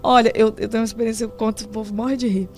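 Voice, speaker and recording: Animated Brazilian woman sharing testimony. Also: on the high side, racing. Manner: animated storyteller, laughs a lot. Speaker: interview guest.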